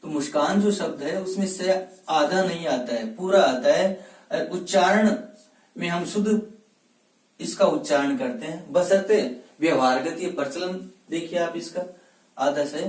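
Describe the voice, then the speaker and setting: In an echoey room with a far-off mic, a man prepares students for exams with a Hindi grammar lesson, speaking unhurriedly in a slightly high voice. He answers his own questions and drills words through repetition.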